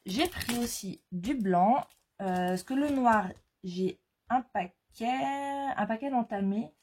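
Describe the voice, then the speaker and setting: Woman crafting vlogger, slow and mellow, chatty with lots of fillers. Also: a little high, a little hiss or hum. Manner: chatty, hesitant with frequent fillers. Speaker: scrapbooking vlogger. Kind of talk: casual product haul chat.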